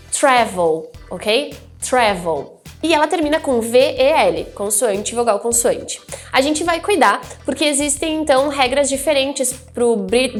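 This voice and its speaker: High-voiced Brazilian woman teaching grammar. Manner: patient, repeats key terms, frequent "ok?" checks. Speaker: English teacher. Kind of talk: explaining grammar rules.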